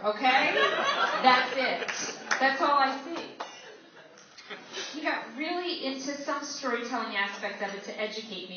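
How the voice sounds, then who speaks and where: A woman on stage with a slightly high voice, delivering stand-up in a sarcastic, exasperated tone. She sounds far from the mic in a very echoey hall. The recording is dull, with loud noise underneath. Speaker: stand-up comedian. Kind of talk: stand-up comedy set. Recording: echoey, distant, dull, noisy live recording.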